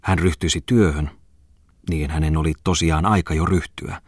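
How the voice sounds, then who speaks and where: A man reading a novel aloud as a calm, measured audiobook narrator. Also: a bass voice, slightly rough, no room sound, studio quality. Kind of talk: scripted narration.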